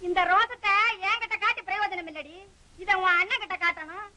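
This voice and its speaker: An actress playing a sharp-tongued scheming aunt in an old film, taunting and scolding. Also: female voice, very high-pitched, a little fast, full character voice. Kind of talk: 1960s film acting.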